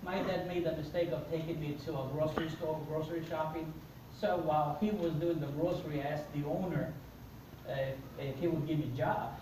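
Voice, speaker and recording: A middle-aged Mexican man, a Spanish speaker with a Mexican accent, tells his life story to a seated audience in a conference room, acting out the dialogue as an animated motivational speaker. His voice sits on the high side and moves fairly quickly. Captured by a distant camera in the crowd, the recording is echoey and the background noisy.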